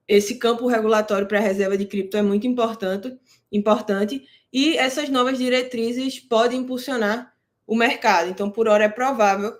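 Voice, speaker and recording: Relaxed and conversational, a woman host with a mid-range voice talks to camera about crypto and interest-rate news as a market commentator. She breaks down terms in plain language for beginners and keeps checking in with her audience.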